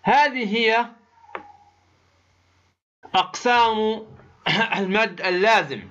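A man teaching the rules of Quran recitation slowly and deliberately, asking questions and answering them himself, and stretching example words to show how long the vowels are held. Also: sits high, a bit bright, highs cut off. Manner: slow and deliberate, asks and answers his own questions. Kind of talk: tajweed lesson explaining a didactic poem.

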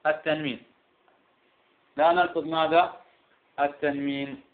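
A man's voice: on the high side, level tone, measured pace. A man teaching Quran recitation rules, who keeps asking questions and answering them himself. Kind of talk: classroom lesson. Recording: tinny phone-like sound.

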